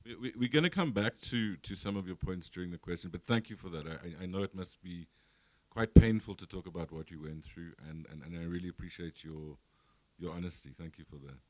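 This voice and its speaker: A man's voice: sits low, brisk, darkish tone, no room sound. A man moderating a panel discussion, stammering with repeated words as he starts his questions.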